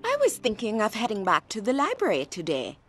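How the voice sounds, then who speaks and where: A woman voicing a patient, caring mother of a young girl in a cartoon, gently instructive and affectionate. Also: mid-range voice, huge pitch swings, brisk. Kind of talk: cartoon voice acting. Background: background music.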